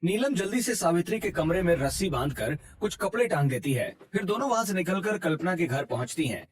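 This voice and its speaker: Man, storybook narrator, husky voice, fairly high, soft music behind. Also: sing-song, fairly quick.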